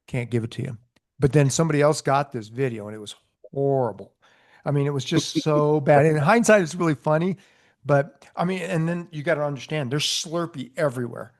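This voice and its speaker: Male co-host, ex-cop storyteller, slightly high voice, animated, laughs through his anecdotes. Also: fairly quick. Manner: animated storyteller, laughs often, shouts quoted lines. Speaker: podcast co-host, former police sergeant. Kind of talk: casual storytelling chat.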